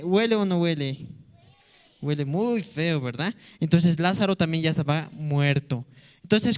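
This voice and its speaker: A man's voice: fairly high pitch, clean tone. A man teaching a children's church lesson, playfully asking the kids question after question. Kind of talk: Sunday-school lesson for children.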